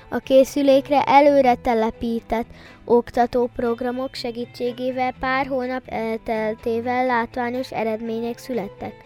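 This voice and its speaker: A woman reading a news bulletin in a measured way, with small slips and restarts. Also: on the high side, darkish tone. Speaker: news reader. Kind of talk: read radio news bulletin.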